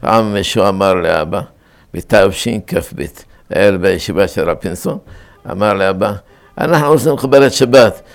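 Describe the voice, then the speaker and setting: A man's voice: on the low side, creaky, darkish tone. A man teaching a Torah lesson to a class, explaining grammar and repeating key words for stress.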